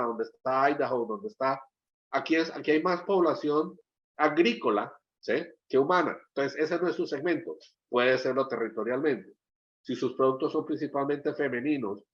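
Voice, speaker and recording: A middle-aged man from Colombia presents an export training webinar in a medium-pitched voice. He keeps checking in with his listeners and repeats words while he hunts for the next one. The audio sounds dull and lo-fi, like a typical online webinar.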